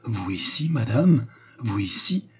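A man reading the part of a scheming count who murmurs and feigns emotion, in a husky, dark voice. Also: mid-range voice, normal speed, lightly acted. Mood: murmuring. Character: scheming count, male, smooth seducer.

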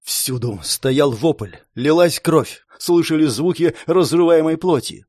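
A man's voice: on the high side, slow, a little mellow, no echo, clean studio sound. Man narrating tense first-person fantasy. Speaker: audiobook narrator.

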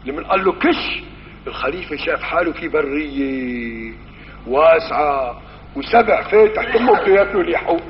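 A man's voice: fairly high pitch, lively intonation, a little fast, slight background noise. A man with a Syrian Arabic accent teaching a religious lesson, telling stories and acting out the dialogue in shifting voices. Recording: muffled old recording in a reverberant hall.

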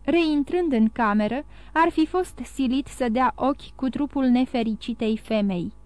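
A woman narrates a classic novel in a steady, measured reading voice that sits fairly high. The recording is dry and close, with no room sound. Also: no room sound. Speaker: audiobook narrator.

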